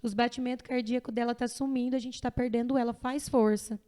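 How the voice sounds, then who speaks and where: A woman's voice: fairly high pitch, fairly even intonation, quick pace, dark tone. A woman guest on a podcast, telling her own childbirth story in an earnest, emotional way, full of fillers. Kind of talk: casual personal storytelling.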